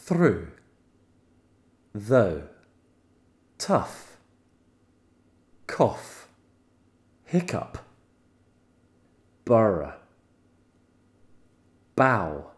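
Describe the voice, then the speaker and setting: Man saying words slowly and carefully. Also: on the low side, sing-song. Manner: slow, careful, deliberate articulation. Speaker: co-teacher. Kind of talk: reading single words aloud.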